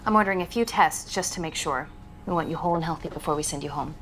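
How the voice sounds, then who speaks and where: An actress in her thirties playing a calm, matter-of-fact hospital doctor in a film drama, professional and reassuring. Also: sits low, quick pace, a little hiss or hum. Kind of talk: naturalistic screen acting.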